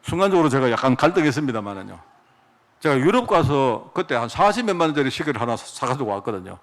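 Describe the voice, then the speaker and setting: A man's voice: mid-range voice, sing-song, quick pace. A male pastor, preaching a sermon full of rhetorical questions and stories.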